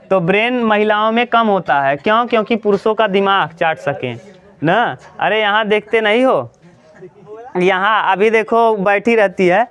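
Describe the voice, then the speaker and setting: Male teacher, high clear voice, question-and-answer lecturing. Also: fairly bright tone. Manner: asks the class questions and answers them himself. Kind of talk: classroom lecture.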